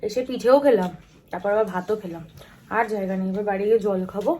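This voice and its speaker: A woman's voice: mid-range voice, quick pace, dark tone, poor audio. A woman chatting casually to her viewers in a daily home vlog. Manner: chatty, addresses viewers directly. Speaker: vlogger.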